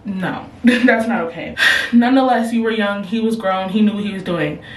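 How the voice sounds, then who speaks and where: Frank and full of slang, this young advice vlogger chats casually through viewer submissions from her room, reacting with lots of energy. Her medium-pitched voice moves at a normal pace. Recorded first on a camera and then a phone, she's a bit off-mic with a roomy sound.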